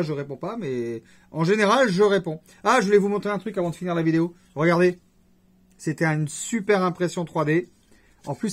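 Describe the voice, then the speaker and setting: A man chatting casually to his viewers as a YouTuber, rambling with jokey conversational asides. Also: high voice. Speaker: YouTuber host. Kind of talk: casual vlog chat to camera.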